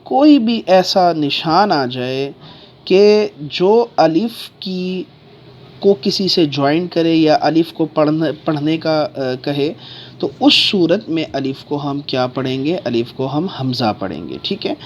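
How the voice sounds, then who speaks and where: A man giving an online Qur'an reading lesson who keeps checking in with his listeners and draws out letter sounds slowly. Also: fairly high pitch, animated.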